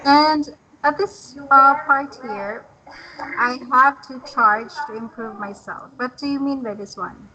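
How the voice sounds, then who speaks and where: A woman's voice: high voice, slow, bright, forceful tone, poor audio. A woman tutoring English pronunciation, patient and encouraging, laughing often. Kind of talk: online one-on-one pronunciation lesson.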